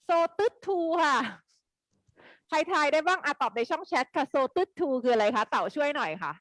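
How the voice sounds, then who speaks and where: A woman teaching an English grammar lesson live online, quizzing her students in a lively way. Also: sits high, moderate pace, no room sound.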